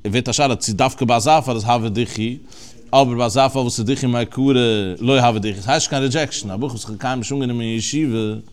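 A man's voice: mid-range voice, brisk, clear, resonant tone. A man teaching a Talmud lesson, reasoning aloud through the text and asking and answering his own questions.

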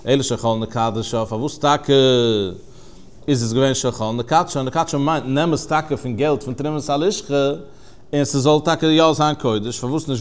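A man giving a Talmud lesson in a mid-pitched voice, rising and falling in a chanting study singsong. He talks in an animated way, breaking off and restarting as he explains. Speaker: Talmud teacher. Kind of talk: Yiddish-style Talmud lesson.

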